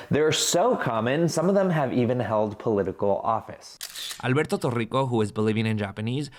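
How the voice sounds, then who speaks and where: A man hosting a news explainer, narrating a script in a clear, explanatory way. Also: mid-range voice. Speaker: host and video journalist.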